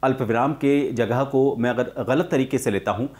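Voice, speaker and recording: A man in the middle of a spoken voice-over lesson. He talks slowly and deliberately, pausing between phrases. He fills gaps with "uh", in a voice of ordinary pitch. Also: darkish tone. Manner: slow, deliberate pauses; frequent "uh" fillers. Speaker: voice-over teacher.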